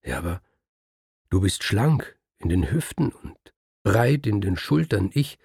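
A timid letter writer stumbles over his objections in a low, faltering voice, as a male storyteller puts him on. The tone is husky and gravelly, heard close and dry. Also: sing-song, unhurried, a little mellow, no echo, heavily acted. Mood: hesitant. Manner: hesitant, pleading.

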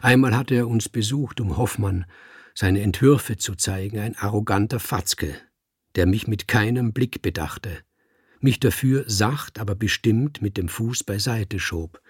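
A man reading a first-person novel aloud with wry, understated storytelling and a husky, gravelly voice. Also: on the low side, measured pace, dry recording, clean studio sound. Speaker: audiobook reader. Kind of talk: first-person literary audiobook narration.

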